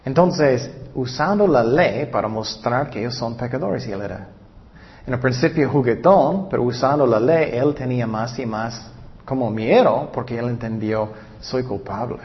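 A man preaching in Spanish, teaching earnestly on evangelism and reading scripture slowly and deliberately. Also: medium pitch, big-room sound, muffled recording. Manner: earnest, plain-spoken, reads scripture slowly.

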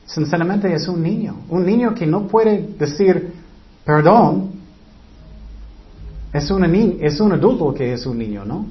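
High-voiced man preaching earnestly. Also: animated, moderate pace, highs cut off. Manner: earnest, acts out whiny excuses in quoted voices. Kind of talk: sermon.

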